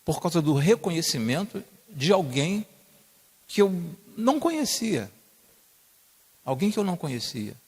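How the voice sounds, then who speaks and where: A man's voice: on the high side, very animated, a little slow, long pauses, husky. A male pastor preaching a sermon, repeating key phrases and rising to emphatic peaks. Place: church hall. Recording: long church reverb.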